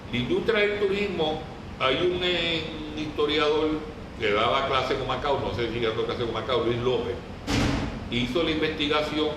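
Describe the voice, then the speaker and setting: A man with a Puerto Rican Caribbean Spanish accent gives an informal, didactic history talk to a group in colloquial language, often putting questions to them. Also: mid-range voice. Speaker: lecturer. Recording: very echoey room, distant mic, clear noise.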